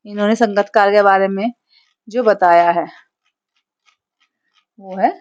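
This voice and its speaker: Teaching a class, a woman with a Hindi accent explains a poem line by line, patiently and often checking in with "theek hai." Her medium-pitched voice is fairly even, slow and a little mellow, on a lo-fi recording with no room sound.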